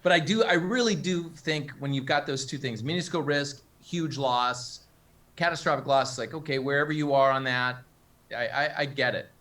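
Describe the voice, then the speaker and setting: Casual male guest, mid-pitched, stop-start delivery, wry asides. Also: fairly bright tone. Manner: halting, self-interrupting, joking. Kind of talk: casual video call chat.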